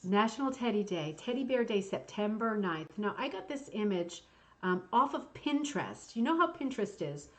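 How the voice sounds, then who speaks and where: A woman's voice: mid-range voice, animated, normal speed, fairly bright tone. A woman hosting like a chatty bingo caller, enthusiastic and gushing, with asides, repeats and bits read aloud in a casual way. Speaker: host of a hooked rug bingo show.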